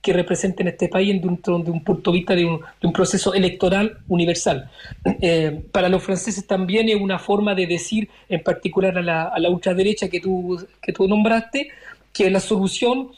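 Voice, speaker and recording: A man's voice: sits high, fairly even intonation, normal speed, a little mellow. Thoughtful man in his forties. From Chile. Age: 40s. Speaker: member of parliament, interview guest. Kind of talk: reflective interview answers.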